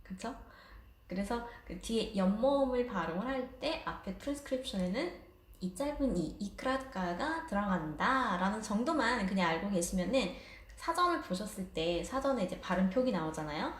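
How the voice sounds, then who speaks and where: A woman's voice: mid-range voice, lively intonation, normal speed, reverberant. A woman teaching a casual online language lesson, explaining patiently with light laughs.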